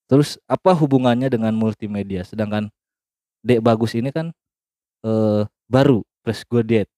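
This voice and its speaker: A man's voice: on the low side, moderate pace, mellow, dry recording, studio quality, natural voice. A man improvising the role of a condescending, dismissive HR interviewer. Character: dismissive male HR interviewer at an oil company.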